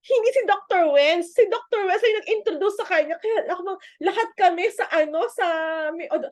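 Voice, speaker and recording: A high-pitched Filipino woman gives an upbeat team pep talk on a video call. She switches between Tagalog and English and keeps checking in with "di ba?" The sound is close and dry. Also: fairly quick, no room sound. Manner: chatty, mixes Tagalog and English, often asks "di ba?". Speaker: team leader in a business meeting.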